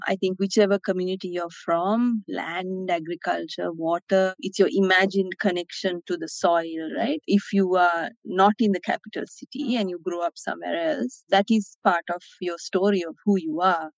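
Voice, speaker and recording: A woman's voice: on the low side, fairly even intonation, normal speed, vocal fry, few pauses, dry recording, low-quality recording. A woman from Sri Lanka speaking as an interview guest, explaining her points thoughtfully and often checking in with "right?". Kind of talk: conversational interview.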